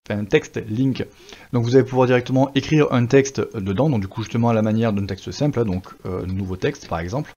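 A man teaching a screen-recorded software tutorial in a chatty way, with many fillers. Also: mid-range voice, dull audio. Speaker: web design instructor.

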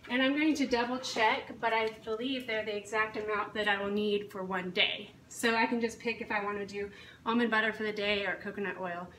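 Speaking fairly quickly with a steady, mid-range voice that's a bit bright, a woman in her thirties who coaches fitness casually describes her routine to camera. She's in a home kitchen, recorded from a few feet away, so it sounds echoey and distant with faint hiss.

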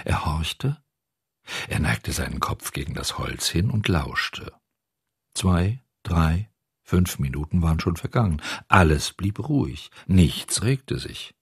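A man reads a classic fairy tale aloud with expressive, unhurried storytelling. His voice is low and husky, with a lively, wide-ranging melody. The sound is close and dry. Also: no room sound. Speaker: narrator.

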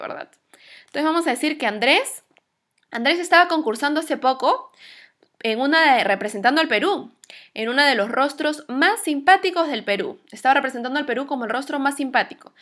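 A woman teaches an English lesson in a light, high voice. She speaks patiently, pausing to stretch out each model word so the class can repeat it. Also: a bit bright.

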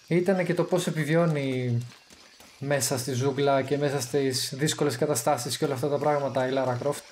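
Man, gameplay commentary, chatty, excitable, thinking aloud, mid-pitched voice. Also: slight background noise. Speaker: gamer streaming his play.

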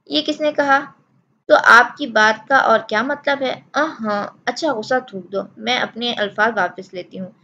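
A woman's voice: a little high, sharp tone, lo-fi sound, a little hiss or hum. A woman doing a firm, scolding elder sister. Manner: scolding, admonishing tone.

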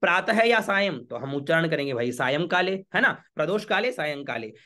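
A man, a priest teaching a home worship ritual step by step, chanting Sanskrit lines slowly and checking with the listener often. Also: on the high side, sing-song, bright, forceful tone. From Rajasthan, India. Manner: patient, repeats checks like "okay?".

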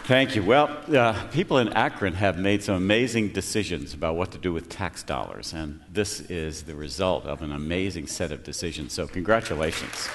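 A man's voice: deep voice, normal speed, few pauses, a loud crowd, very noisy. A man telling jokes and stories in a folksy, humorous manner at a live storytelling show. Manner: folksy, joking delivery. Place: festival stage in a library. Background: banjo playing.

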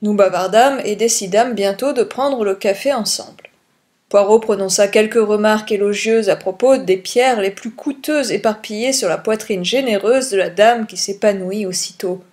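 A teacher reading a detective story aloud in clear, measured narration. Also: female voice, mid-range voice, a little mellow.

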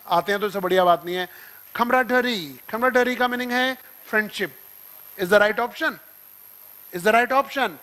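An Indian-accented man with a high-pitched voice teaches a vocabulary class. He explains words with playful everyday examples and acts out small scenes, moving between Hindi and English. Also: pushed and bright.

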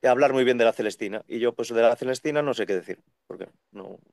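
A man in his thirties, a second-hand bookseller, chatting on a video call in an animated way, talking in long runs. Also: mid-range voice, quick pace, gravelly. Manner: animated, talks in long runs and acts out quoted voices. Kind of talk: casual conversational interview. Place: bookshop with full shelves behind. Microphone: video call webcam.

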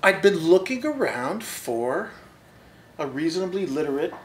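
A man's voice: a little high, sing-song, unhurried, a little hiss or hum, low-quality recording. Wry, easygoing man telling stories. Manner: wry, easygoing, drifts quieter as he goes on. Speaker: author and long-haul trucker. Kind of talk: casual interview storytelling. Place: bookstore, seated in armchair.

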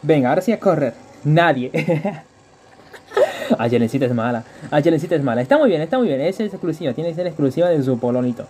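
A man live-streaming a game, chatting with viewers and repeating phrases in quick bursts. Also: fairly high pitch, animated, a little mellow, slight background noise.

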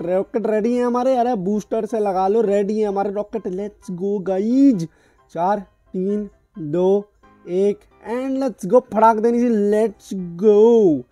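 A man hosting a gaming channel, giving excitable live gameplay commentary full of trash talk and banter. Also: high-pitched, unhurried, no echo, soft background music. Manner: excitable, trash-talking banter in Hindi-English mix.

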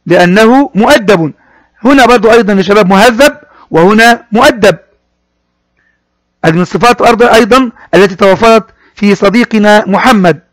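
A man teaching a primary school class, talking straight to the pupils and repeating words slowly as he explains them. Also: sits high, dry recording. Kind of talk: classroom lesson explaining a poem.

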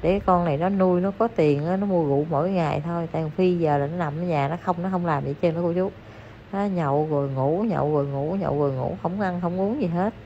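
Talking directly to her viewers as aunts and uncles, this Southern Vietnamese–accented online commentator dishes out chatty, scolding gossip. She speaks quickly in a warm, lowish voice, and the recording is dull and lo-fi with faint noise.

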